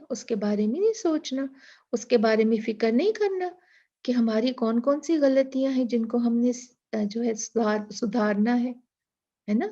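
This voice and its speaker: A woman teaching Quranic pronunciation, repeating letter sounds and reciting verses slowly and carefully. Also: fairly high pitch, dark tone, dull audio. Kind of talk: Tajweed lesson in Urdu.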